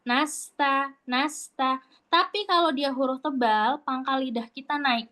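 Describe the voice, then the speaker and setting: Woman recitation teacher, high voice, chatty and patient, demonstrates sounds. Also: normal speed, pushed and bright. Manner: casual, chatty explaining. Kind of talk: online recitation class.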